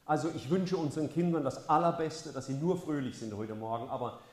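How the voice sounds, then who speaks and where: A man's voice: on the high side, brisk. Passionate male preacher in an echoey hall. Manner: passionate, swings from soft to loud. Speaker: pastor. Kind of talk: sermon. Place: church hall.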